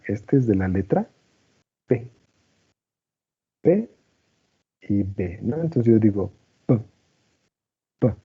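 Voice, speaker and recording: A man's voice: mid-range voice, mellow, breathy edge. A man teaching a class, explaining patiently and often checking that students follow. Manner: patient, checks understanding with frequent "¿no?" and "¿vale?". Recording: muffled lo-fi recording.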